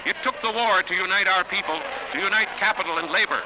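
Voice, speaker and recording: Quick and high-pitched, a man's 1940s newsreel narration rings out dramatically and emphatically. It sits on an old, dull-sounding, lo-fi film soundtrack with music underneath.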